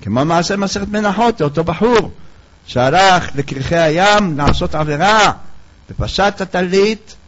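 A man's voice: fairly high pitch, slight background noise. A male preacher giving a sermon, telling parables and acting out their dialogue. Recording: dull lo-fi recording.

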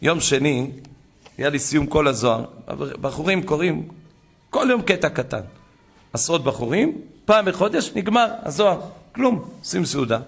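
Preaching with fervor to a gathering, a man delivers a rabbi's Torah sermon, retelling conversations and rising to loud exclamations. His fairly high voice is animated and husky, with vocal fry.

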